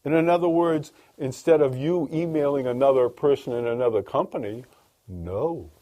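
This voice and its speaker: A man's voice: mid-range voice, normal speed, dark tone. A man hosting a call-in business radio show, talking emphatically and piling up repeated phrases. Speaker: radio talk show host.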